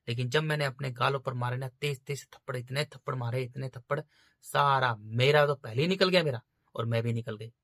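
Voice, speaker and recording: A man preaching in a bright, forceful voice, pressing the same point over and over. He speaks to his listeners as brothers in an informal, insistent way. The sound is dry and close, with almost no room around it. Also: medium pitch, no room sound. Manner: insistent, repetitive exhortation. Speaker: spiritual speaker.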